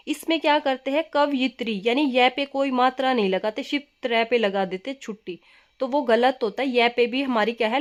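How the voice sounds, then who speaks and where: A young adult woman teaching Hindi spelling for exams. She says each word slowly and keeps asking the class what it is. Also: fairly high pitch. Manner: repetitive teacher's questions, keeps asking "क्या है?"; drills words slowly, stressing correct spelling. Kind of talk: exam coaching lesson.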